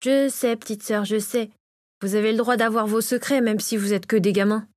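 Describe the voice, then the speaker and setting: A playful teenage boy, cheeky and joking with his sister, as a woman narrator puts him on. The voice sits a little higher than her narration and stays close and dry. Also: steady tone, normal speed, darkish tone, no room sound, close to an everyday voice. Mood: teasing. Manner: playful and teasing. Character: lively teenage boy, teasing older brother.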